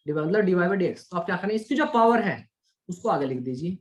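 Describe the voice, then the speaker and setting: A man's voice: high-pitched, animated, fast. Chatty male maths teacher. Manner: chatty, asks questions and answers them for his students; coaxing, calls students "beta". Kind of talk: online maths lecture.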